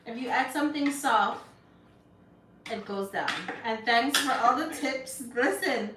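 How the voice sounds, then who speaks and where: A young woman with a Jamaican accent hosts a casual live stream, laughing often and thanking her viewers. Her voice is on the high side and a little slow. She's recorded from a distance, so the sound is roomy and off-mic, with background noise.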